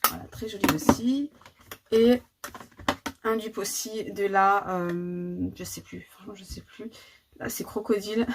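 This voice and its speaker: A chatty woman vlogging about her makeup, hesitating with fillers and repeating words as she goes. Her voice sits at a middle pitch, and steady background noise runs under the recording. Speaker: beauty vlogger. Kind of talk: casual vlog showing her makeup collection.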